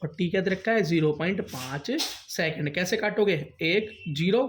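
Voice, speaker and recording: A man's voice: high-pitched, normal speed, a little hiss or hum. A man teaching a science lesson to a class, asking students questions and answering them himself. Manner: quizzes students, calls them "beta", answers his own questions.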